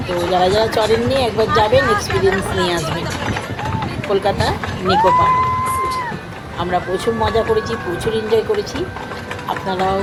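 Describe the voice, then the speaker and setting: A middle-aged woman talks in a casual vlog style, addressing viewers directly in simple, repeated phrases. Her voice sits at an average pitch. A loud crowd and heavy outdoor noise surround her. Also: brisk. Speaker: family vlogger. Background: busy outdoor amusement park crowd and machinery noise.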